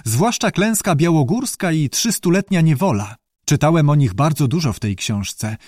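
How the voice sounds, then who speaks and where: A man's voice: on the high side, lively intonation, moderate pace, a little mellow, dry recording, clean studio sound, pitched above the performer's own voice. A man doing a polite, naive newt. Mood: courteous, eager. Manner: courteous, formal, eager. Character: polite, bookish male newt, earnest and naive. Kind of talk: audiobook character voice.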